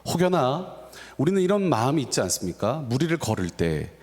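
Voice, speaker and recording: A male pastor preaching in a sanctuary, his voice leaping up and down with expressive intonation. A long hall reverb trails behind every phrase. The delivery is animated and earnest. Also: fairly quick. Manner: animated preaching with dramatic pitch swings. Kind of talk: sermon. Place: church sanctuary.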